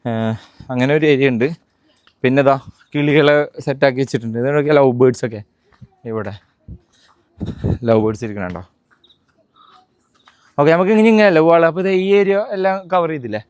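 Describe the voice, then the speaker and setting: A man's voice: mid-range voice, animated, fairly quick, long pauses, darkish tone, clear, resonant tone, no echo. A man with a Malayali accent giving a casual, chatty walking-tour vlog, mixing English words into Malayalam as he talks to viewers and companions. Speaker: vlog host.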